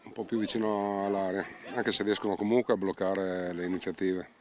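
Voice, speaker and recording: A man's voice: low-pitched, steady tone, a little fast, a little mellow. A man giving live amateur football commentary mixed with casual chat, restarting phrases as play unfolds. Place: outdoors beside an amateur football pitch. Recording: outdoor recording with crowd noise.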